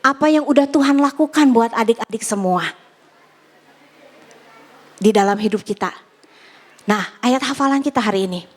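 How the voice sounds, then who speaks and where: Lively high-voiced woman teaching kids. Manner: animated, acts out prayers and story voices for kids. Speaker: Sunday school teacher. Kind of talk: children's Bible lesson.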